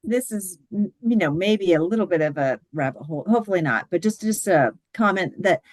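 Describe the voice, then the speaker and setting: A woman's voice: lowish voice, expressive, a little fast, no echo. A woman taking part in a casual church class discussion on a video call, hesitant and searching for words. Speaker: class participant.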